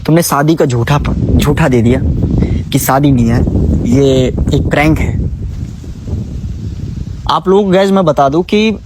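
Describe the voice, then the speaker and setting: A man's voice: fairly high pitch, a little mellow, slight background noise. A young man, venting in an emotional vlog, pleading and scolding by turns. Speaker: vlogger. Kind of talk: emotional direct-to-camera vlog.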